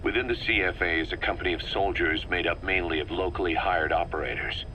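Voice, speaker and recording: Businesslike and warning, a battle-worn video game mercenary officer briefs his commander in a low, forceful voice. He is deliberate and emphatic in military fashion, wry and intense, with faint noise in the background.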